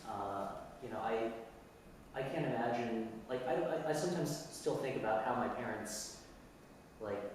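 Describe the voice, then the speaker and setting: A man's voice: mid-range voice, moderate pace, darkish tone. A man from San Francisco, a musician being interviewed, talking reflectively and restarting his thoughts as he searches for words. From San Francisco, USA. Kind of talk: casual conversational interview. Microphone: video call. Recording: echoey room, far from mic, faint hiss.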